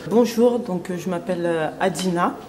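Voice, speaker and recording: A woman's voice: on the low side, moderate pace. Hesitant woman in her thirties from Cameroon. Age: 30s. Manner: hesitant, many fillers. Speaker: association president. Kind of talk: interview testimony. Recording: noisy ambience behind.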